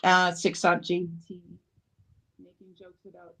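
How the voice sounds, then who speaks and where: A woman's voice: lowish voice, monotone, measured pace, a bit bright. A woman calling in to a heated discussion, talking defensively and insistently over a phone line that fades in and out. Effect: phone line fading in and out. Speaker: caller.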